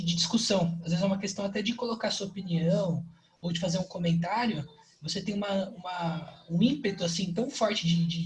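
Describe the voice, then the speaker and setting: Guest trainer, explanatory, halting, mid-pitched voice. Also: poor audio. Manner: explanatory, repeats words while thinking. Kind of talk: casual online training talk.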